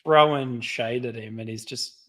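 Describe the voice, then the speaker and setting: Man, mid-pitched voice, jokey casual co-host. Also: fairly even intonation, moderate pace, a bit bright. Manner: chatty, jokey, trails off. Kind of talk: casual livestream chat.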